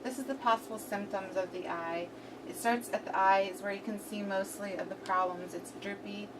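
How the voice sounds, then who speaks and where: A young adult woman gives a prepared class presentation in a steady, medium-pitched voice at normal speed, her speech slightly numb and impaired on one side of her mouth. The mic sits at a distance, and the room recording is clearly noisy.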